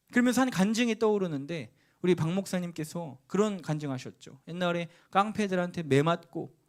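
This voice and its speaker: A middle-aged male pastor preaching from the pulpit of a church, his voice sitting a little high for a man. He tells his story vividly, acting out the people in it, rising to sharp cries and then dropping to near whispers. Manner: storytelling, acting out quoted voices with sudden shouts and hushed asides. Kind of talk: sermon. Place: church sanctuary.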